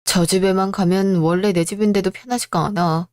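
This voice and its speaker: A hardworking younger son worn down by years of family favoritism, voiced by a woman. He speaks bluntly, with steady bitterness. It is a close, dry radio-drama read. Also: mid-range voice, fairly quick, dry recording, natural voice. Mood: weary.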